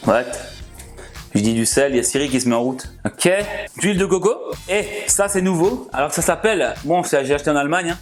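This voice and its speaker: A man with a fairly high voice for a man hosts a home cooking video. He chats and jokes his way through it, laughs often, and talks to viewers as if they were sitting in front of him. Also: expressive, brisk, faint music behind. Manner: chatty and jokey, often laughing, addresses viewers directly. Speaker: cooking channel host. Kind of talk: casual cooking vlog talk.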